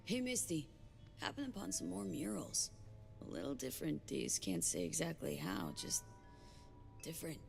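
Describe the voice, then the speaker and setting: Wry streetwise merc in a game, kinda low, dry and easygoing, music under it. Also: female voice, wildly swooping pitch, moderate pace, vocal fry, full character voice. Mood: curious. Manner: dry, casual. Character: female streetwise mercenary, wry, skeptical, easygoing. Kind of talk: video game voice acting.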